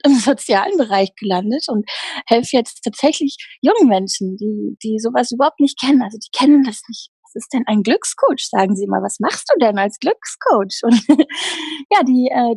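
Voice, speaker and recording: Woman, happiness coach, earnest, reflective, husky, dry sound. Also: on the high side, warm tone, no echo. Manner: earnest, reflective, many fillers and restarts. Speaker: happiness coach, interview guest. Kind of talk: casual interview talk.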